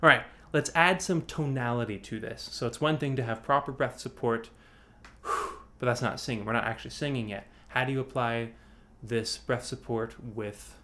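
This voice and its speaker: Speaking at a normal pace with a medium pitch and a sharp tone, this male vocal coach teaches breath support in an online singing workshop. His phrasing wanders and keeps restarting, and he illustrates points with sighs and sung examples. The video-call audio carries slight background noise.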